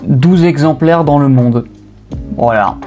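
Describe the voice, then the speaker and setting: A young Frenchman hosts a car channel, giving casual voice-over commentary full of slangy jokes and filler hesitations. His voice is a little high, slow and mellow. Faint lofi music plays underneath.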